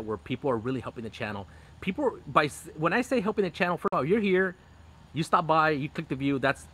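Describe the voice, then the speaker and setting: A man's voice: medium pitch, a bit bright. A middle-aged man hosting a fishing channel, chatting casually on a live stream from his backyard, with plenty of fillers, restarts and bursts of laughter. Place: outdoors in a backyard under a canopy. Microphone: phone camera close up.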